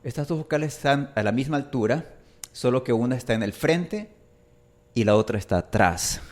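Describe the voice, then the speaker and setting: A man's voice: mid-range voice, lively intonation, moderate pace, darkish tone. A man teaching Spanish pronunciation, a native speaker who enunciates carefully and draws out his example vowels. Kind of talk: pronunciation lesson.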